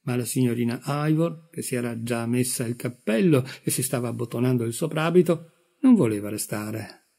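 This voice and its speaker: A man reads a literary story aloud at an unhurried, measured pace. His voice is dark and mellow with a husky edge. The delivery is steady narration. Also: mid-range voice. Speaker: audiobook reader.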